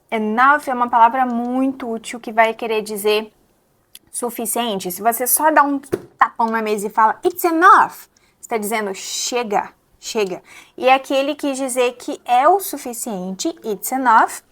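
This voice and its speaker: A young adult woman with a Brazilian Portuguese accent, teaching English pronunciation step by step and repeating words slowly to model them. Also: fairly high pitch. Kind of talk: pronunciation lesson.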